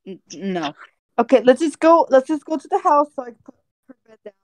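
A woman's voice: high-pitched, big pitch swings, brisk. A woman playing an embarrassed but patient seventeen-year-old son in an amateur roleplay. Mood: exasperated.

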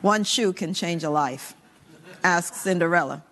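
A woman's voice: fairly low pitch, a little slow, fairly bright tone. A woman presiding in a legislative chamber, making formal remarks with a dry, wry manner. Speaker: senate presiding officer. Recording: long reverb of a large chamber.

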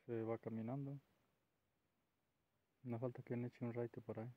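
A man's voice: mid-range voice, little pitch movement, normal speed. Mexican guy asking teasing questions, tinny phone-line sound. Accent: Mexican Spanish. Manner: chatty, gently teasing questions. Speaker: interviewer behind the camera. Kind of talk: casual chat.

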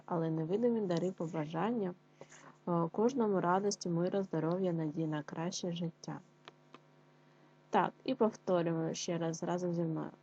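A woman teacher leading an online reading lesson for young children, speaking clearly and repeating phrases for them to follow. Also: fairly low pitch, mellow, lo-fi sound. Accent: Ukrainian. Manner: clear, slow syllable-by-syllable dictation for children. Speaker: primary school teacher.

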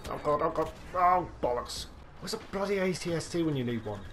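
A young man commentating on his own gameplay, excitable, talking to himself and swearing freely as he plays. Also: fairly high pitch, a little fast, a little hiss or hum. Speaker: gaming video host.

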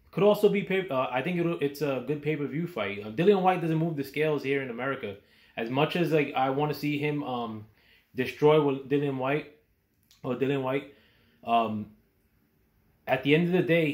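A man who just woke up, giving casual boxing commentary with lots of ums and restarts. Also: medium pitch. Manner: hesitant, many ums and restarts. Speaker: boxing vlogger. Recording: echoey room.

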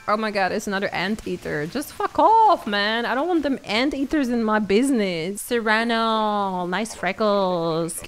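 A woman streamer chatting with her viewers while she plays, giggling, swearing and easily distracted. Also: medium pitch. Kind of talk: live-stream game commentary.

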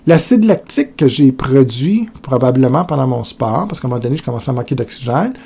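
A man's voice: mid-range voice, expressive, a little fast, vocal fry, dark tone, slightly rough. A male teacher with a Québécois accent explaining a lesson in a conversational way, speaking to students directly and asking questions aloud. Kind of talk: recorded lecture video.

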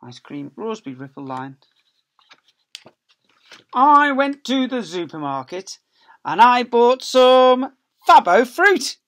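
A very high, fairly bright male voice belongs to a middle-aged school teacher reading a picture book to young kids. He goes slowly, pausing often, with big pitch swings as he stretches key words playfully and makes sound effects. He's captured close up by a laptop webcam in a small office.

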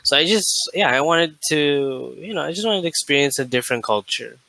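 An American man in his late twenties tutoring English on a video call, relaxed and laughing often. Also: a little high, brisk, creaky, no echo, low-quality recording. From United States. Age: 20s. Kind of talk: casual video call chat. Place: indoor room.

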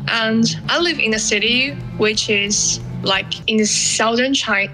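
A woman from China, chatting eagerly on a video call in halting English. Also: fairly high pitch, over music, low-quality recording. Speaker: video chat partner. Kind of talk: casual video chat. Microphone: webcam at arm's length.

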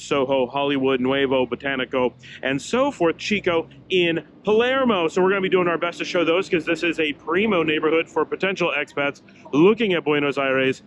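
A man's voice: fairly high pitch, a bit bright, slight background noise. A middle-aged man vlogging a walking tour on a city sidewalk, talking to a handheld camera in a chatty, meandering way with fillers. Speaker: travel vlogger. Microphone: handheld camera at arm's length.

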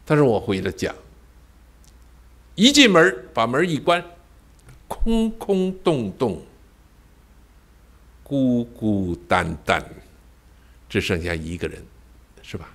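An older man preaching a sermon as a pastor, telling a personal story with sudden swings between loud cries and hushed near-whispers, and tossing rhetorical questions to the congregation. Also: mid-range voice, very animated, takes it slowly, pauses often.

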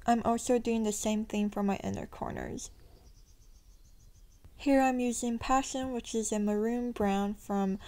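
Young woman, beauty vlogger voice-over; mellow, slightly high, chatty with upward-lilting endings. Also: steady tone, measured pace. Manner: chatty, self-deprecating, rising sentence endings. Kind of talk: voice-over makeup tutorial narration.

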